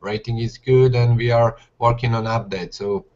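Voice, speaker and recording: A man's voice: medium pitch, steady tone, normal speed, a little mellow, slight background noise. A young man, a game developer guest talking casually and hesitantly on a video call from his living room. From Serbia, Slovak parents. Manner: hesitant, many "uh" fillers, non-native grammar. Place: living room at home, indoors. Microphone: webcam video call. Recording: dull lo-fi video call audio.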